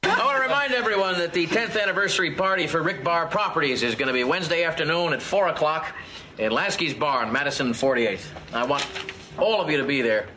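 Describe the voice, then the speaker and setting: A man's voice: on the high side, animated, brisk, noisy background, lightly acted. An actor playing a smug male office boss in a sitcom, teasing and mocking. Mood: formal. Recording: sitcom clip with laughing audience.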